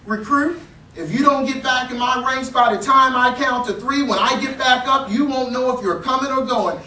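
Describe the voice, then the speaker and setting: A man voicing a gruff male navy drill commander who shouts stern orders at a recruit. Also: extremely high pitch, moderate pace, a little hiss or hum, voice pushed up, heavily acted. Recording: roomy hall, mic from a distance.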